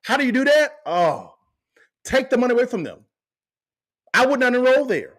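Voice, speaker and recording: A man's voice: very high-pitched, very animated, moderate pace. A man hosting a podcast, giving fired-up commentary and asking the same pointed questions again and again. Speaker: podcast host. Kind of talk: impassioned commentary.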